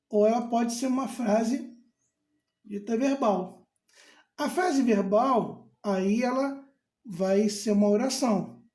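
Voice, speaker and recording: A man explains grammar in an unhurried, mellow voice. He repeats key terms and answers imagined questions from his students. The recording carries a roomy echo. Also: high-pitched. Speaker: grammar teacher. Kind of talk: casual explanatory lesson.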